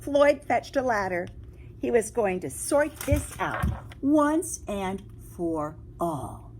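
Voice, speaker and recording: A woman teacher reading a picture book aloud to children, expressive and exclaiming, often breaking off to draw her listeners in with questions. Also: mid-range voice, slow pace, a little hiss or hum. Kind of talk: read-aloud storytelling with asides and questions to young listeners.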